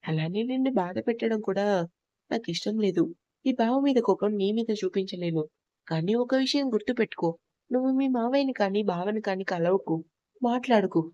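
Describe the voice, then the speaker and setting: A woman's voice: mid-range voice, moderate pace, warm tone, no echo, dull audio, close to an everyday voice. A woman voicing a stern, possessive young husband in a storybook reading, speaking harshly and commandingly. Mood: threatening.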